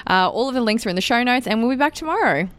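A woman's voice: fairly high pitch, rapid-fire. A woman co-hosting a podcast in casual chat, talking freely and laughing often. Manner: chatty, laughs often, animated. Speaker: podcast co-host.

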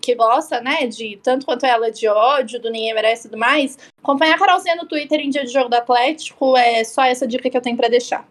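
A woman's voice: fairly high pitch, quick pace, few pauses. A woman co-hosting a podcast, chatting casually with jokes and enthusiasm. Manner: enthusiastic, joking. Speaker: podcast co-host.

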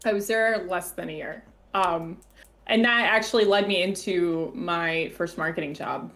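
A woman guesting on a podcast, chatting in a relaxed way and pausing often to search for words. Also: lowish voice. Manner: relaxed, halting with fillers. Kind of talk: casual chat.

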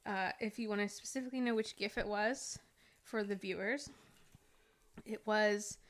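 A woman's voice: medium pitch, moderate pace. Chatty young woman, podcast co-host, casual talk, frequent laughter.

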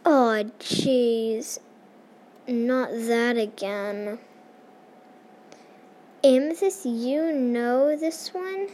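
A woman's voice: on the high side, extremely slow, long pauses, darkish tone. A woman voicing a scrappy, dismissive young alien woman who scoffs offhandedly in a fan comic reading. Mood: scoffing.

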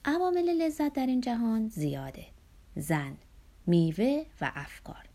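A woman narrating a literary audiobook in a soft, breathy, half-whispered reading voice. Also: mid-range voice.

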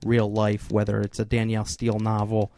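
A man's voice: lowish voice, monotone, fairly quick, mellow. A man co-hosting a casual podcast, hesitantly thinking aloud and restarting his sentences. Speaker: podcast co-host. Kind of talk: casual chat.

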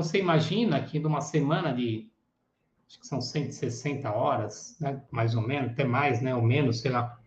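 In an echoey room with dull, lo-fi sound, a man who teaches psychoanalysis gives a casual teaching talk. His voice is a little high, and he animatedly acts out the voices of both clients and therapists.

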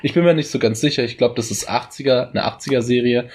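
A man's voice: mid-range voice, quick pace, a little mellow. A man co-hosting a casual podcast chat, joking and rambling in playful asides. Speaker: podcast co-host.

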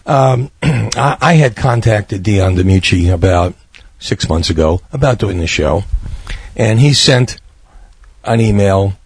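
A man hosting an oldies radio show in a conversational, halting way, his voice raspy and hoarse from being a little under the weather. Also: sits low, animated, no echo. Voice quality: husky, raspy.

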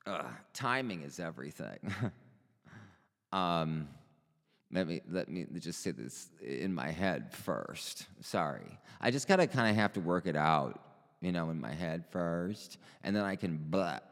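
A man talking in a casual, rambling monologue, halting and full of pauses and restarts, chatty and a bit profane. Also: low voice, sing-song, fairly bright tone. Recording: long reverberant hall echo.

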